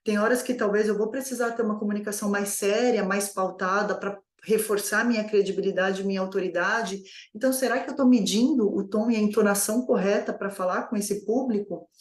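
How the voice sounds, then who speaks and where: A woman's voice: mid-range voice, steady tone, a little fast, hardly any pauses, reverberant. A woman coaching new business owners in a conversational lesson, asking herself many rhetorical questions. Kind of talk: online course lesson.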